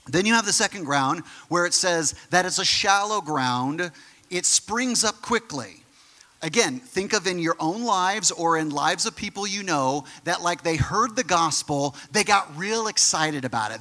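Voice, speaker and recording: A man preaching with a bright, forceful, fairly high voice. He talks in an animated, conversational way, full of quick asides. The sound rings with long reverb, as in a big hall. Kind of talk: sermon.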